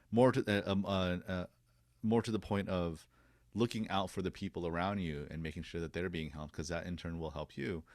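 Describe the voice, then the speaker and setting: A man's voice: low voice, no room sound, clean studio sound. A man hosting a podcast interview, talking in an earnest, reflective way with many fillers. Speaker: podcast host. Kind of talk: casual interview chat.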